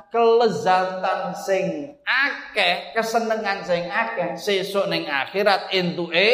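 A man's voice: sits high, fairly bright tone. A man with a Javanese accent teaching a religious text study, explaining terms aloud and mixing recited Arabic with casual local asides. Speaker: Islamic kitab teacher. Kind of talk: religious kitab study lesson. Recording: echoey hall with long reverb.

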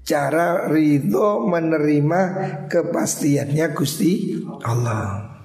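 A man's voice: fairly high pitch, lively intonation, takes it slowly, vocal fry, darkish tone. A man with a Javanese accent, an Islamic cleric giving a religious study lecture, translating Arabic phrase by phrase and asking emphatic rhetorical questions. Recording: roomy echoey hall.

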